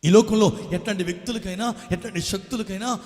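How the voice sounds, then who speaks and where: A man preaching a sermon as pastor, swinging from hushed passages to shouted climaxes and firing rhetorical questions at the congregation. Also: high voice, quick pace. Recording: long hall reverb.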